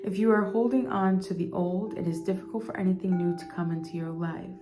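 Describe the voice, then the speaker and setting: A woman's voice: on the low side, steady tone, a little fast, mellow, faint music behind. A woman giving a casual spiritual card reading, meandering and repeating words as she goes. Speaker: intuitive card reader.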